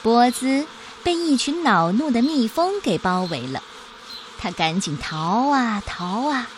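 A woman reading a children's picture book aloud, in an expressive, sing-song storytelling voice. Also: on the high side, takes it slowly, noisy background.

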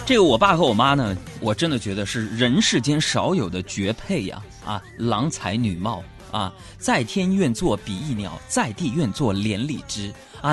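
A man's voice: mid-range voice, a bit bright. A man hosting a comedy show, telling funny everyday stories in a chatty, playful way. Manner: chatty, playful, acts out quoted voices. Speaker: radio comedy host. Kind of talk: comic storytelling monologue.

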